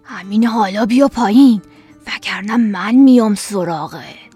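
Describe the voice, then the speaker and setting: A menacing storybook husband, put on by a woman narrator. His voice is husky and breathy, his threats cold and hard. Soft music plays faintly underneath. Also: medium pitch. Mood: threatening. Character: cruel menacing husband, grown man, villain. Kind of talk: storybook reading.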